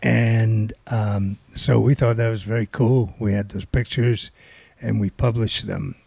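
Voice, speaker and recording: An older man spins a loose, rambling story in a gravelly, husky voice. His tone is dark and mellow, and the recording is dry and close, with no room sound. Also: fairly low pitch, steady tone, measured pace, no room sound. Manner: rambling, filler-heavy storytelling. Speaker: guest storyteller. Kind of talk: casual anecdote.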